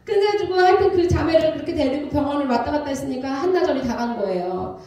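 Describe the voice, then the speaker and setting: A pastor's wife in her thirties giving an animated testimony sermon, acting out the voices in her story. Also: high voice, quick pace. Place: church sanctuary. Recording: very echoey church from a distance.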